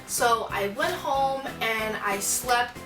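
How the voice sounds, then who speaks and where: A woman's voice: fairly high pitch, slow. Young woman chatting in an echoey room. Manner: informal and rambling, often repeating words for emphasis. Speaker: vlogger telling a personal story. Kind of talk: casual storytime chat. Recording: echoey room, distant mic, music behind.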